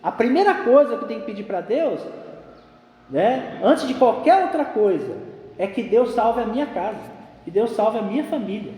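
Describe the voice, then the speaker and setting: A man's voice: high voice, lively intonation, moderate pace, dark tone. A man preaching a sermon in a conversational way, often tagging his sentences with a questioning "né". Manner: conversational preaching with frequent "né" tags. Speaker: pastor. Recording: echoey hall.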